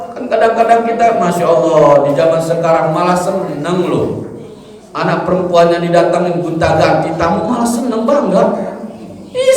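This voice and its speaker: Joking preacher in an echoey mosque. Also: male voice, high-pitched. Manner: humorous, animated, mimics chanting and gossip. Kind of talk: mosque study sermon. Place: large mosque hall. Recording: echoey hall, mic from far off.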